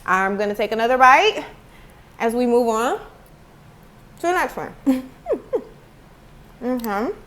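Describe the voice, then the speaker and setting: A woman's voice: fairly high pitch, expressive, slow, long pauses, a bit bright. A woman chatting casually to viewers in a food review vlog, recorded at home on earbud headphones. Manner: chatty, talks to viewers as y'all. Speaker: food vlogger. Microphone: earbud headphone mic.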